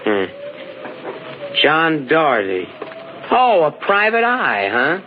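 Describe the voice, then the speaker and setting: An actor playing a surly, sarcastic American hearse driver in a radio drama, gruff and needling. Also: male voice, on the high side, wildly swooping pitch, slow, exaggerated voice. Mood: surly, suspicious. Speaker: radio actor in a supporting part. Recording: dull, noisy old radio recording.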